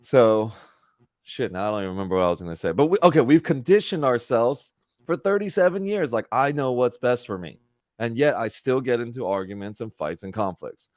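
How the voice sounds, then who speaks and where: A man's voice: mid-range voice, expressive, a little fast, darkish tone, no echo, clean studio sound. Chatty man in his thirties hosting. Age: 30s. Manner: earnest, chatty, with frequent self-corrections. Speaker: spiritual group host. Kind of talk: casual spiritual talk. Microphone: video call.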